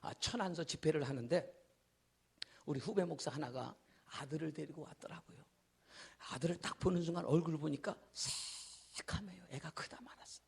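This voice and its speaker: A male pastor preaching an evening revival sermon, telling a story dramatically, acting out characters, shouting and dropping to whispers. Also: on the high side, moderate pace, gravelly, breathy edge. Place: church hall.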